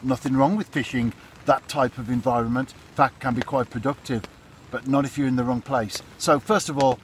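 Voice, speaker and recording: A man's voice: mid-range voice, steady tone, brisk. A man in his fifties gives casual to-camera fishing advice from under an umbrella, chatty and repetitive, often asking "isn't it?". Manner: chatty, repeats points, asks "isn't it?". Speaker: fishing vlogger. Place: outdoors under a fishing umbrella by a pool in a storm. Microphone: phone or camera close up. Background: storm wind and rain.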